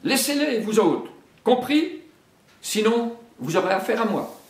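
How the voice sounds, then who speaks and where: A big, clumsy, boastful male bear from a storybook, as a man puts him on, bellowing gruffly in a raised, pushed-up voice that swings widely. The voice rings in an echoey room. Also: on the high side, sing-song, a little slow, pitched above the performer's own voice. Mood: worried bluster.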